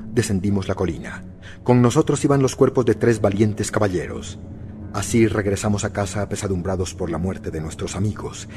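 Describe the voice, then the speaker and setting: A man narrating a novel in the first person with steady, measured storytelling. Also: fairly low pitch. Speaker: audiobook narrator.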